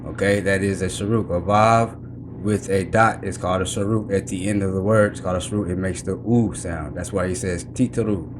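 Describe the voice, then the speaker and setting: Deep-voiced man explaining over road noise. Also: steady tone, brisk. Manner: explains points over and over, repeats "you know what I'm saying". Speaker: commentator reacting to a teaching clip. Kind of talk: casual explanatory commentary.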